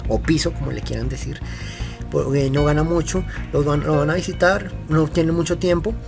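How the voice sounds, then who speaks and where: A man talks through a film's plot in a loose, unscripted commentary, circling back and restarting sentences as he goes. His voice sits slightly high for a man. A little music plays quietly in the background. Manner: meandering, halting retelling with frequent restarts. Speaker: film reviewer. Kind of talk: casual film commentary.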